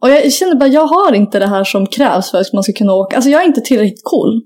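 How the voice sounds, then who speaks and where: A woman's voice: on the high side, expressive, darkish tone. A young woman in casual chat, telling a rambling story full of fillers and casual swearing. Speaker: podcast co-host.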